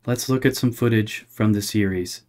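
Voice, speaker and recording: A man's voice: on the low side, normal speed, a little mellow. A man reading scripted satirical news as a parody news anchor, presenting absurd items as straight news.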